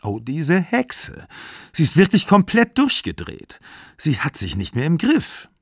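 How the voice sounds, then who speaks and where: Man doing a young woman, upset, agitated, pitched up in outbursts, dry sound. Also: animated, normal speed, breathy edge, no room sound. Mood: furious.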